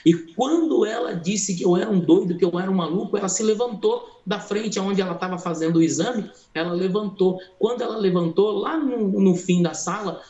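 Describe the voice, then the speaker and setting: A man preaching a testimony sermon, his voice on the higher side. He tells his story with drama and acts out every person in it, calling out to his brothers in the congregation. The sound carries a roomy church echo. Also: moderate pace, few pauses, mellow, muffled recording. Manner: addresses listeners as brothers.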